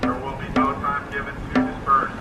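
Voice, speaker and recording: A police sergeant reading formal dispersal orders in a flat, recited way, blared through a loudspeaker outdoors. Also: male voice, mid-range voice, moderate pace, echoey room, far from the mic, over loud music. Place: outdoors at a roadside protest.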